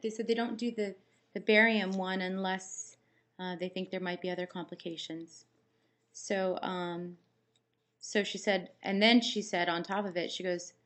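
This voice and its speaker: A woman with a dry mouth, recovering after surgery, chatting casually to camera in a rambling, anecdotal way. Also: mid-range voice. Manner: rambling, anecdotal, acts out quoted exchanges. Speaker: vlogger. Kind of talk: casual chat to camera, personal storytelling.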